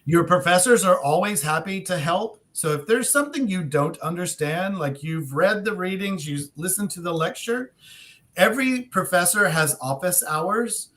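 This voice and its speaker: A man's voice: sits high, moderate pace. A man on staff at a university, presenting in an online info session and acting out little dialogues as he explains. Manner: animated, acts out dialogue.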